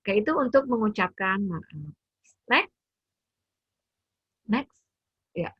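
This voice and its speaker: A woman's voice: medium pitch, animated, slow, husky, no room sound, muffled recording. A woman, a parent, giving an informal webinar talk from home, chatty with many fillers and acted quotes of parent and child. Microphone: computer mic on a video call.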